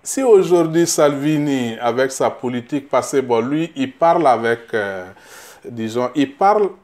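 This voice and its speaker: A middle-aged man from Burkina Faso, a political candidate answering interview questions, halting and repeating words as he searches, then growing emphatic. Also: medium pitch, expressive, a little mellow.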